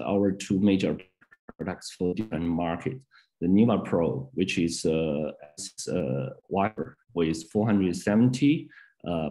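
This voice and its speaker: A man presenting solar products on a video call, speaking with many "uh" fillers between halting phrases. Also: low voice, warm tone. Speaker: sales director presenting products. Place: indoor office, on a video call.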